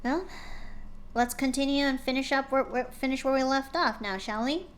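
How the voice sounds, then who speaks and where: Reading a fanfic aloud to her chat, this woman streamer talks casually in a voice that sits high. Her speech frequently stalls with fillers and restarts.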